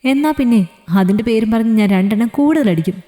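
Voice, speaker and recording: A woman's voice: fairly high pitch, animated, fast, dark tone, close to an everyday voice. A woman storyteller voicing a young man who pleads and jokes with his fiancée, in a reverberant room. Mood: earnest. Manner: pleading, joking. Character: young man, loving and gently teasing fiancé.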